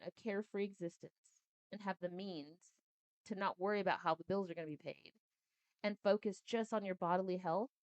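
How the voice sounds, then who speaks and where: A young adult woman hosting a podcast, reading a book aloud and breaking off into chatty, animated commentary. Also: medium pitch, no room sound.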